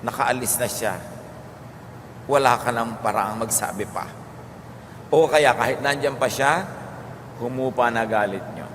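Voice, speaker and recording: A man with a Filipino accent giving a calm teaching sermon, moving between Tagalog and English. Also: mid-range voice, unhurried, pauses often. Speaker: preacher. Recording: long hall reverb with faint noise.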